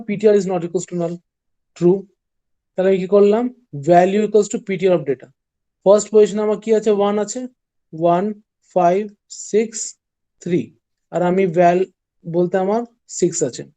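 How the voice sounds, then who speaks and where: Mellow-voiced male lecturer walking through code. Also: high-pitched, steady tone. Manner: steps slowly through an algorithm, checking that students follow. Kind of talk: classroom lecture.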